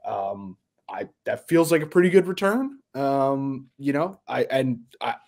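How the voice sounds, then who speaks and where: A man's voice: medium pitch, lively intonation, a little slow, darkish tone. Chatty man in casual podcast banter. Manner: chatty, laughs often, teasing. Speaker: podcast co-host. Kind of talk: casual chat.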